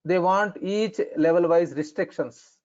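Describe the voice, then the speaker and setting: A man with an Indian accent explaining things as an instructor in an online lesson, in halting, repetitive phrasing. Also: high voice, a little mellow. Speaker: instructor in functional finance consulting. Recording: dull, lo-fi online call audio.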